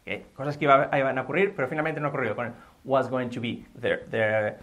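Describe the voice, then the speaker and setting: A man's voice: medium pitch, a little fast, fairly bright tone. A man from Spain, teaching English phrases in a bilingual lesson, drilling sentences aloud and checking in with frequent "ok?".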